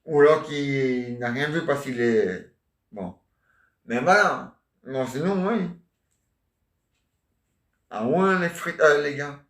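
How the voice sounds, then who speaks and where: A male vlogger rambles through a joking monologue packed with asides and fillers, recorded in an echoey room. His voice is medium-pitched and a bit bright, and he talks at a slow pace with long pauses.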